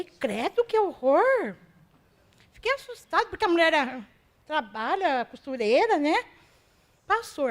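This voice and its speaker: A Brazilian woman giving an emotional, self-deprecating testimony to a church congregation. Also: sits high. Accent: Brazilian Portuguese.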